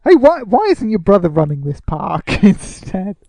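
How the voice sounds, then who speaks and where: A man's voice: high-pitched, sing-song, normal speed, mellow, dry recording. A man co-hosting a podcast, chatting casually with dry, teasing banter. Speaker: podcast co-host. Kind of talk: casual comedic chat.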